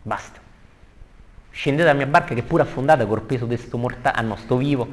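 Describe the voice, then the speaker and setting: A man voicing a furious male demon ferryman of hell, gruff and shouting. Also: mid-range voice, brisk, a little hiss or hum, lightly acted. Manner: gruff, shouting, coarse and impatient.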